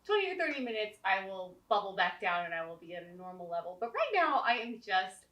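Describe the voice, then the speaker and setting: A woman vlogging casually at home, talking in halting, restarting phrases with a slight lisp from new teeth aligners. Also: medium pitch, very animated, dull audio. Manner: halting, frustrated, many restarts. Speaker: vlogger, co-host of a sailing channel. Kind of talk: casual chat to camera. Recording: echoey room, distant mic, faint music.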